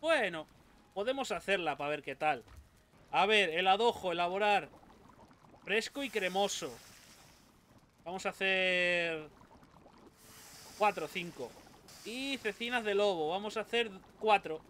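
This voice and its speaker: Man, young adult, gameplay commentary, high bright voice, unhurried. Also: a little hiss or hum. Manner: swears often, yelps and shouts when attacked. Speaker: gaming YouTuber.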